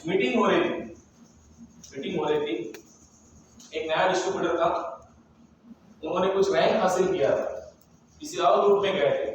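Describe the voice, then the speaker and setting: A man leading an interactive sales training seminar, talking emphatically and firing questions at his audience. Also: high voice. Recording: echoey hall, voice from far off, faint noise.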